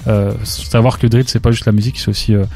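A man, co-hosting a casual rap news chat, talking quickly and full of fillers. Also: fairly low pitch, fairly even intonation, darkish tone, soft background music. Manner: quick, chatty, many "euh" fillers, opinionated. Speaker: co-host.

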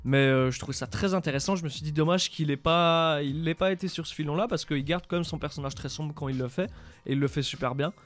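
A man giving his take on a rap album in a casual panel chat, halting with many restarts and fillers. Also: fairly high pitch. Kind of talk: casual studio debate.

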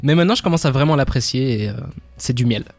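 Fast male co-host, dry studio sound, enthusiastic. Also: mid-range voice, expressive, no echo. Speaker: radio co-host. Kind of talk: casual radio chat. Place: radio studio.

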